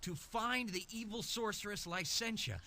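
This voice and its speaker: An actor voicing an earnest young male hero in an adventure game, polite but quick to get fired up. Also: high voice, pushed and bright, slight background noise, exaggerated voice. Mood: declaiming. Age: young adult. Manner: polite, then fired-up and listing insults. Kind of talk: game voice acting.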